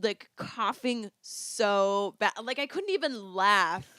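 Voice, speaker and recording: A young woman with a smooth, clear voice talks casually, a little congested with a lingering cough. She banters playfully and pokes fun at herself. She is close and dry on the mic. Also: mid-range voice, expressive, slow, bright, forceful tone, no echo. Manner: playful, self-mocking banter. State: has a cough, slightly congested. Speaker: podcast co-host. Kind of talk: casual chat.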